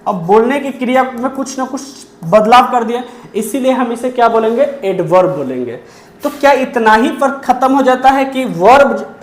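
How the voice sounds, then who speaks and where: In an echoey room, a woman with a slightly high voice teaches grammar. She poses questions and answers them herself, slowly drawing out key terms word by word to stress them.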